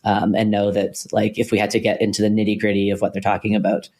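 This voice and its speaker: Man, low pitch, podcast co-host, reflective, hesitant, casual discussion. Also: monotone, fast talker, darkish tone. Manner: thoughtful, many ums and restarts, hedging. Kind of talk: casual philosophical conversation.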